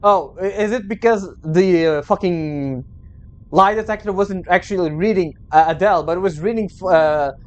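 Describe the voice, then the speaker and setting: A streamer of unclear gender commenting casually on a story game and reading its narration aloud, sometimes haltingly. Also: mid-range voice, lo-fi sound. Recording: game music underneath.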